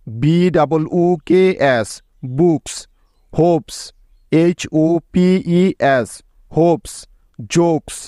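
A man teaching English pronunciation in a slow, step-by-step lesson, spelling out words letter by letter and checking often that the listener follows. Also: on the high side, darkish tone, dry recording, studio quality.

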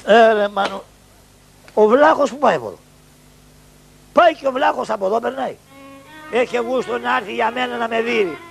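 A man voicing a scrawny, cunning, poor male trickster in Greek shadow puppet theatre, in a Greek accent, with gravelly, high, nasal chatter, on an old TV broadcast. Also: long pauses, faint music behind. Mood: scheming.

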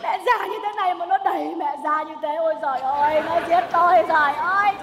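A woman's voice: sing-song, fairly quick, over a noisy crowd, very noisy. An actress playing a domineering, wealthy old mother-in-law who scolds and wails theatrically on a stage. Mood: wailing. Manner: shrill, theatrical scolding and wailing. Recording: stage recording with long hall reverb.

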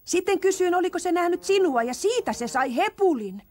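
A woman's voice: lively intonation, darkish tone, faint music behind. A woman voicing a young girl, timid and pleading, in a cartoon dub. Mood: explaining. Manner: high, childlike, frightened pleading.

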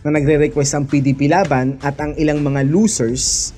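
A man's voice: on the high side, steady tone, normal speed, mellow. A man giving a heated, mocking political rant, often laughing scornfully and swearing as he addresses the president and his viewers directly. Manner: speaks directly to the president and to viewers as "mga idol". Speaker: political vlogger. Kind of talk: ranting political commentary. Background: background music.

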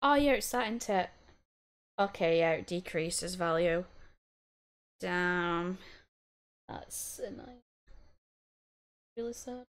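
A woman giving casual, chatty commentary while playing a life-sim game, giggling, talking to her characters and breaking into excited bursts. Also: lowish voice, slow pace, pauses often, clear, resonant tone. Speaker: gaming channel host.

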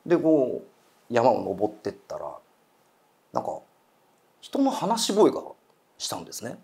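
A man's voice: mid-range voice, huge pitch swings, a little slow, creaky, a little mellow. A man telling a ghost story in casual chat, acting out quoted voices and eerie murmurs. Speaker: guest storyteller.

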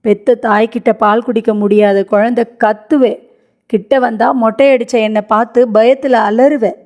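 A woman's voice: mid-range voice, darkish tone, lightly acted. A woman voicing a grieving elderly grandmother in a read-aloud story, lamenting and pleading through tears. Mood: bitter, tearful. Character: grieving elderly grandmother, widowed young, stubborn.

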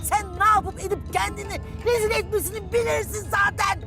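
A nagging middle-aged mother with a very high, sharp voice. She scolds without pause, and music plays behind her. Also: steady tone. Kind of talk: film dialogue.

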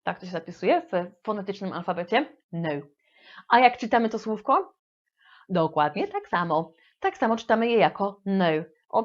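A woman's voice: medium pitch, highs cut off. A woman teaching English vocabulary in a playful, affectionate manner, with frequent hesitation fillers. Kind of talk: lively language lesson.

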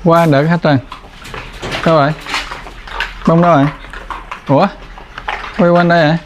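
A man's voice: level tone, normal speed. Southern Vietnamese man filming his dog kennel. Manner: chatty, talks to the dogs in raised higher voice. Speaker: dog breeder. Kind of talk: casual vlog commentary. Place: indoor dog kennel with concrete floor. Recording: noisy kennel with dogs. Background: dogs barking and moving about.

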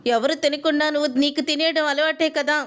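A woman voicing a sharp-tongued older mother-in-law in a spoken story retelling, with a scolding, demanding manner. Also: sits high, fairly even intonation, fairly quick.

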